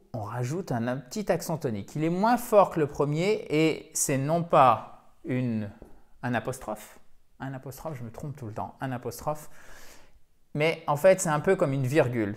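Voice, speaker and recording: Guy teaching english sounds, says each word over and over, mid-pitched voice. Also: lively intonation. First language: French. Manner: explains step by step, repeats English words slowly. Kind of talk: phonetics lesson.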